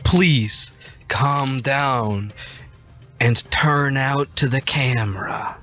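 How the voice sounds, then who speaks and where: A man voicing a conman who poses as a psychic, talking in a slow, theatrical, bluffing way. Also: mid-range voice, fairly bright tone, faint music behind. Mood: pompous.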